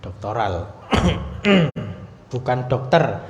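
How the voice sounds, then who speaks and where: A man teaching Arabic grammar at a mosque study class, explaining step by step and clearing his throat often. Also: mid-range voice, very animated, very slow. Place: mosque hall. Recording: roomy, echoey hall, dull lo-fi sound.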